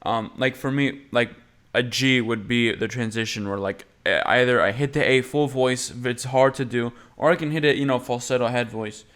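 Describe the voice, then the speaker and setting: A man talks casually about singing technique as a voice coach. His pitch sits mid-range, and he rambles along with frequent "uh" and "like". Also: moderate pace, a bit bright. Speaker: voice teacher reacting to a video. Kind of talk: casual commentary.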